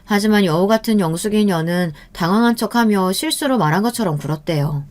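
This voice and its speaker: A woman in her fifties giving steady, plain scripted story narration in the first person. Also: medium pitch, fairly quick.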